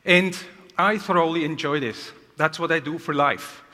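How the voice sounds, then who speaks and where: A man giving an energetic conference keynote to a large audience, asking rhetorical questions, heard in a reverberant hall. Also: on the high side, normal speed. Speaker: keynote speaker.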